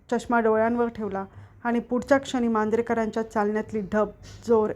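A woman narrating a literary short story aloud in a steady, expressive way. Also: on the high side.

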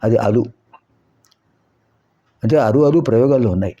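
Speaking at a medium pitch with a warm tone, a man gives a Sanskrit lesson on grammar, asking rhetorical questions and slowly repeating sounds to model pronunciation. The audio is dull and lo-fi.

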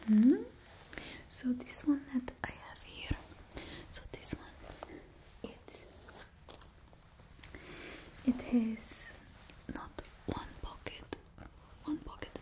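In an ASMR roleplay, a young woman plays a bossy stylist to supervillains, whispering blunt, condescending remarks in a put-on Russian accent into a close mic. Her voice is a little high, and the recording is low quality. The setting is an indoor studio with a painted backdrop.

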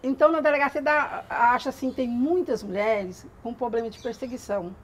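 A woman's voice: on the high side, fairly quick, a little hiss or hum. A woman from Brazil who works at a women's police station, chatting casually on a TV show and telling funny anecdotes with frequent laughter. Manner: animated storyteller, laughs often.

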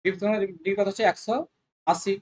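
A math tutor teaching an exam-prep class, firing quick questions at students and coaxing them along with lots of repetition. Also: mid-range voice, steady tone, darkish tone. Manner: rapid call-and-response questioning of students. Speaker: math tutor at a coaching centre.

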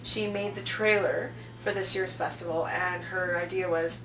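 A festival programming director in her thirties talks informally as an interview guest, relating anecdotes and acting out what others said. Her voice is lowish, her intonation fairly even, and her pace moderate. The audio comes from a small office indoors and is roomy, with a distant mic and a noticeable hum.

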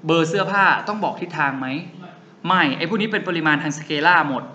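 A young man teaching a physics lesson who keeps asking his students quick rhetorical questions and answering them himself. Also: fairly high pitch, animated, sharp tone, lo-fi sound. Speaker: physics tutor. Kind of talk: classroom lecture. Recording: faint background noise.

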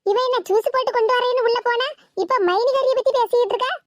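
A woman with a Tirunelveli Tamil accent voicing a tactless, quick-tongued grown daughter in an animated cartoon comedy, high and sharp as she scolds. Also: a little hiss or hum. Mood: scolding.

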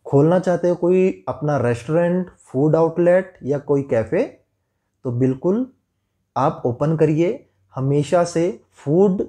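Man explaining with a mellow voice. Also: a little high. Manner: steady, instructive, listing items. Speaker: restaurant equipment seller. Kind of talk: explainer video to camera. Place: small indoor room. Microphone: lapel mic.

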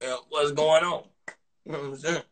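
A young man hosts a laid-back livestream from a small bathroom, holding his phone at arm's length and talking in slang packed with repeated fillers. His voice is fairly high and a bit bright, with fairly even intonation and normal speed. Slight background noise comes through.

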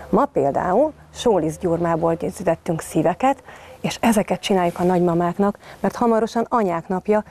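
A kindergarten teacher, a woman, gently reading a children's story aloud from home. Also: on the low side, a little hiss or hum. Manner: gentle, addressing young children.

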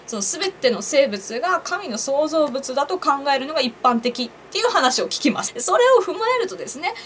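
Speaking brisk and high with big swings in pitch, this young woman vlogger chats solo to the camera, cracking herself up and putting questions to her viewers. There's slight background noise in the recording.

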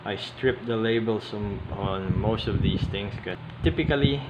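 Sitting at an indoor tabletop, a hobbyist video host does a casual show-and-tell in a lowish voice, halting and stop-start with frequent mid-sentence pauses. The recording is very noisy, dominated by a loud, constant air-conditioning hiss and clicks from handling.

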